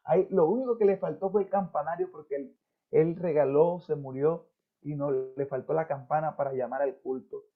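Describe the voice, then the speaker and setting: A man's voice: on the high side, normal speed. A man, a pastor preaching a sermon and telling personal stories, acting out the people he quotes. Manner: storytelling, quoting people in their own voices. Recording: tinny phone-like sound.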